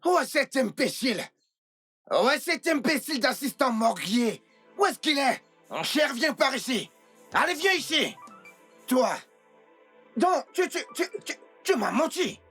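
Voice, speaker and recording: A furious hot-headed distributor. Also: male voice, very high-pitched, big pitch swings, unhurried, slightly rough, soft background music, full character voice. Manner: shouting, accusing, threatening. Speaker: angry brother of a presumed-dead man. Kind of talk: dubbed film acting.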